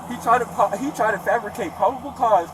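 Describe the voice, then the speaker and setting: A man's voice: sits high, quick pace. A man in handcuffs arguing insistently with police officers outdoors, picked up by an officer's body camera. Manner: insistent, argumentative. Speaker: detained citizen filming police. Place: outdoors on a street by a bank. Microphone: officer's body camera, at a distance. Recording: distant body cam with loud street noise.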